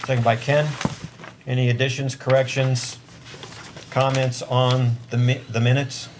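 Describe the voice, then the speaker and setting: A man's voice: mid-range voice, flat delivery, a little slow. A man chairing a board meeting in formal procedural language, speaking up to carry across a meeting room. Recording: noisy meeting room audio with ambience.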